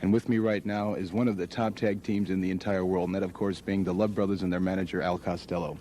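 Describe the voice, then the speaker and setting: Quick, low-voiced male wrestling announcer. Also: little pitch movement, dark tone. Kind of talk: broadcast sports presenting. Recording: noisy 1970s television broadcast.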